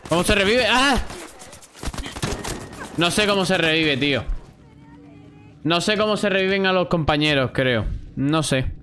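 A young Spanish-accented man streaming a shooter game, chatting loosely with viewers and cursing as he goes. His voice sits a touch high, and gunfire and clicks come through faintly underneath. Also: moderate pace, slight background noise. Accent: Spanish (Spain). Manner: chatty, swears freely, talks to himself and chat. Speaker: gaming streamer. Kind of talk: casual live gameplay commentary.

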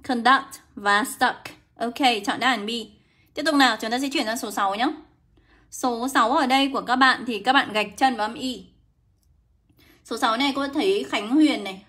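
A young female English teacher hosts a livestream lesson in a bright, slightly high voice. She speaks briskly and coaxingly, calling out her viewers by name throughout.

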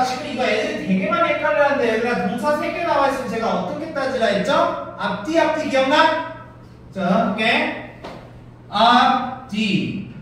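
A male English grammar teacher giving a classroom lesson, constantly quizzing his students with quick questions. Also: very high-pitched, a bit bright. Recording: echoey room, mic far off.

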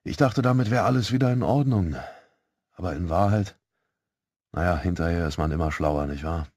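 A man narrating an audiobook in the first person, calm and measured. His voice sits low, and the recording is dry and close with no room sound. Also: dry recording.

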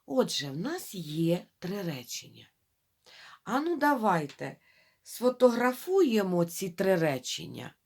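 A woman teaching young children to read, sounding out syllables slowly and talking straight to them. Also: medium pitch, sing-song, a little mellow, breathy edge. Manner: drawn-out syllable-by-syllable modelling of reading; addresses children directly, coaxing. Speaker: primary school teacher. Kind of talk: reading lesson for young children.

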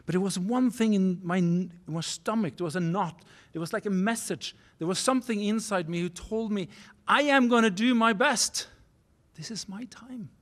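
A man in his forties from Norway with a Norwegian accent, giving a keynote speech at a university podium, earnest and halting, restarting phrases in non-native English. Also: sits high. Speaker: keynote speaker. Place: university auditorium stage. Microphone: podium microphone.

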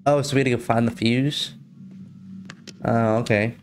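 A man's voice: medium pitch, steady tone, moderate pace, faint music behind. A man in his twenties giving casual, profane, jittery commentary as a scared horror game streamer, on a close mic. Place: indoor home streaming setup. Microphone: close streaming mic, wearing headset.

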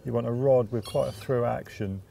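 A man in his thirties interviewing an angler on a lakeside bank, agreeable and quick with tag questions, on a lapel mic. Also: medium pitch, fairly even intonation, gravelly, mellow. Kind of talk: conversational interview. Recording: faint outdoor noise by a lake.

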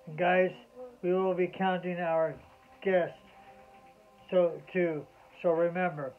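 A man's voice: high voice, flat delivery, slow pace, soft background music. A man reading the lines of an eager, bold young male clownfish in a storybook. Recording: tinny lo-fi phone-like audio.

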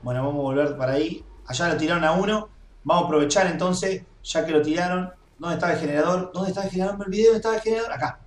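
A young man with a Rioplatense Spanish accent commentating a game, excitable, swearing, and screaming when chased. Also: on the high side, rapid-fire. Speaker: gameplay streamer. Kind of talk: gaming commentary. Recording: echoey room, faint noise.

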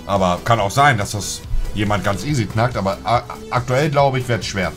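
A man's voice: lowish voice, moderate pace. A young man, casually commenting on his FIFA pack openings in slangy street talk, with game music faintly behind him. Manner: slangy, says "Digga" constantly, bursts into shouting at good pulls. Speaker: streamer opening FIFA packs. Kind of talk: casual live-stream commentary.

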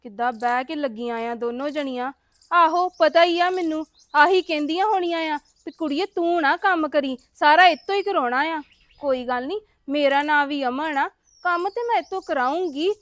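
A woman's voice: sits high, normal speed, no echo, lightly acted. Woman playing a resentful young daughter-in-law. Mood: muttering. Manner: complaining, defensive back-talk. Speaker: daughter-in-law in a family drama. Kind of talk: web series family drama acting.

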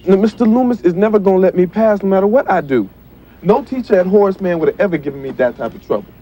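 A discouraged teenage grandson. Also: male voice, high-pitched, lively intonation, fast, warm tone, slight background noise. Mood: upset. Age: teens. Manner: upset, pleading, frustrated. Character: troubled teenage grandson, discouraged high school student.

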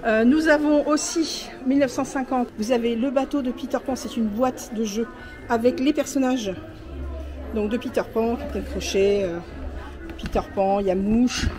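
A woman's voice: on the high side, fairly even intonation, normal speed. A woman vlogging casually from an indoor shop, gushing over each item and piling on superlatives, filming on a handheld phone. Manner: gushing, piles on superlatives and repeats "very, very". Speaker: merchandise vlogger. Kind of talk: casual shopping vlog. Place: indoor theme park shop. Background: shop background music.

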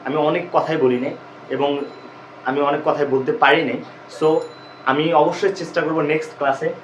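A man teaches a grammar lesson, asking the students questions and then answering them himself. His voice sits a little high. The room is echoey, with a faint hiss behind him. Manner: explains step by step, repeating questions to students.

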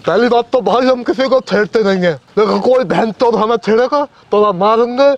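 Man with a very high, boastful voice. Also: fairly quick, highs cut off. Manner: boastful, swaggering threats. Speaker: comic actor. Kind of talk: comedy sketch acting. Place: outdoors in a village.

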